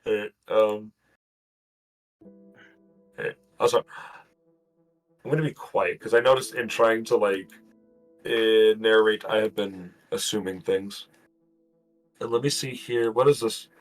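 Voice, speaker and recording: A man's voice: lowish voice, steady tone, slow pace, pauses often, faint music behind, low-quality recording. A man narrating as game master in a tabletop game stream, rambling with lots of fillers.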